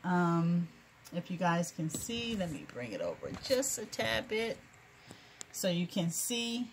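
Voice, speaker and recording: A woman hosting a casual sewing tutorial, chatty and encouraging, laughing often and filling pauses with "um" and "you know". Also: lowish voice, sing-song, a little hiss or hum. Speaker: crafting video host.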